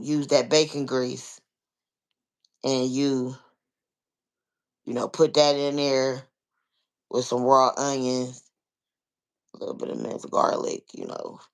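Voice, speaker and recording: An American vlogger chats loosely with listeners, answering them and explaining things step by step in a casual register. She or he circles back often and pads phrases with "like" and "you know," in a clean-toned voice pitched midway between typical male and female ranges.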